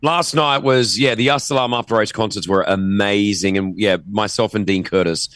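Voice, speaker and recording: A man's voice: on the low side, moderate pace, a bit bright, no echo. Brief: male radio host, playful teasing banter, dry studio sound. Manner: teasing, mock-offended. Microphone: studio microphone.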